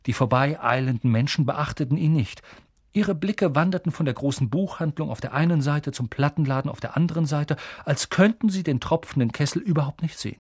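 Male narrator, animated storybook reading, husky edge, close and dry. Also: on the high side, a little fast, no room sound. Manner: animated, breathy. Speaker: audiobook reader. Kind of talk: lively audiobook narration.

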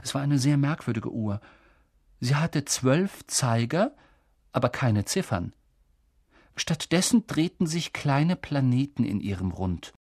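An audiobook reader narrating a story in a lively, expressive way with a husky voice. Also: mid-range voice, a little slow, dry recording, studio quality. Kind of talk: scripted narration.

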